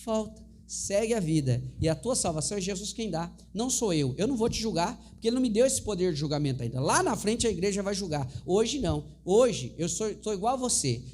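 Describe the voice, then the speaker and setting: A male pastor preaching in a church, talking fast in an animated, earnest way. His voice sits high and swings widely in pitch as he pleads with the congregation. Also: slight background noise. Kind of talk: sermon.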